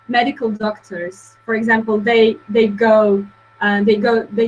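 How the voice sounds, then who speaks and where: Young woman, webinar guest, halting delivery, fairly high voice. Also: a little hiss or hum, low-quality recording. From Croatia. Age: young adult. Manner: hesitant, filler-heavy, many restarts. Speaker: guest speaker. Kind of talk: webinar presentation.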